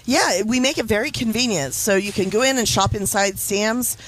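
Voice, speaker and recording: A woman's voice: mid-range voice, moderate pace, a bit bright, rough recording. A woman appearing as a guest on a local radio show, explaining a food drive in a friendly way. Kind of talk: radio interview.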